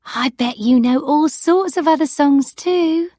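A woman reading an audiobook, voicing a patient, caring young granddaughter who talks brightly and coaxingly. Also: sits high, unhurried, dry recording, clean studio sound, pitched above the performer's own voice. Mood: reassuring.

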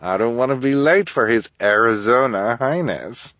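A man's voice: medium pitch, lively intonation, normal speed, fairly bright tone, no room sound, clean studio sound, pitched above the performer's own voice, lightly acted. A man voicing a bossy, impatient society woman. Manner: impatient, haughty, commanding. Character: fashion-obsessed bossy adult woman.

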